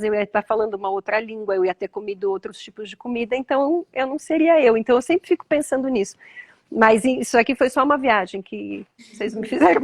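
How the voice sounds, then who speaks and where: A woman with a Brazilian Portuguese accent, gently questioning children in a thoughtful, conversational way and often echoing their answers. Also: a little high. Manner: thoughtful, repeats answers back, lots of "né?". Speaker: interviewer.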